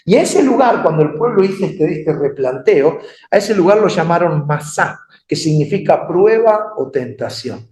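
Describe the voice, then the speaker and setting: A man with a Rioplatense Spanish accent preaching a sermon in a conversational, animated way, often asking the congregation questions. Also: on the high side, moderate pace. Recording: echoey room.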